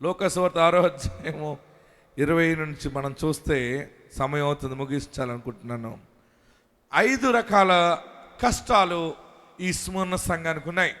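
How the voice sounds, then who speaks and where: High, bright-voiced male pastor preaching. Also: unhurried, long pauses. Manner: emphatic, swings from quiet asides to shouted exhortation; calls on the congregation to shout hallelujah. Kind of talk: sermon.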